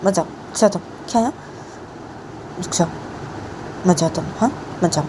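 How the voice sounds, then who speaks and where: A woman's voice: lowish voice, moderate pace, warm tone, a little hiss or hum, natural voice, rough recording. A woman voicing Baani, a young woman who coaxes someone to stay, repeating herself. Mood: coaxing. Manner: coaxing, repetitive.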